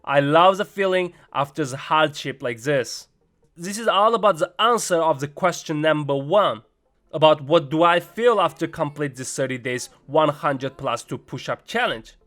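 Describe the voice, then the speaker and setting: A man's voice: a little high, animated, moderate pace, fairly bright tone. A young man with a non-native English accent, speaking earnestly and encouragingly to viewers as a fitness vlogger. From Uyghur region. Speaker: vlogger recapping a fitness challenge. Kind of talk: vlog monologue to viewers. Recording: music behind the voice.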